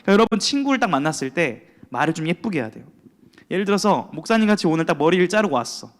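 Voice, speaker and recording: A young man leads a youth sermon in a high, lively voice that moves all over the place. He keeps it playful, tossing questions to the room and acting out little scenes. The sound carries a long echo from a church hall. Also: very fast. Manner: playful, talks with the audience, acts out quoted voices. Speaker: youth pastor.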